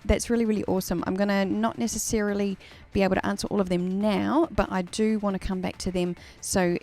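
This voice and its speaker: Earnest woman with a gravelly edge. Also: mid-range voice, level tone, a little fast, a little mellow. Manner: earnest, repeats words and restarts often. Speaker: musician hosting a livestream. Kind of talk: casual livestream talk to viewers.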